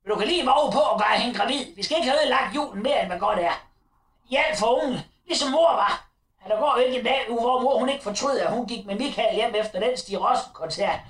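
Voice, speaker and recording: A woman playing a crude, bossy shouting mother. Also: fairly high pitch, lively intonation, natural voice. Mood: scolding. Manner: shouting, frantic, rambling. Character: crude, bossy middle-aged mother scolding adult son. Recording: echoey room, far from the mic.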